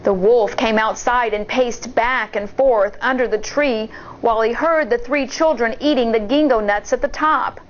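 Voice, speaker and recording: A woman teacher reads a storybook aloud to children, deliberate and expressive, stopping now and then to comment. Her pitch is fairly high and the recording sounds lo-fi.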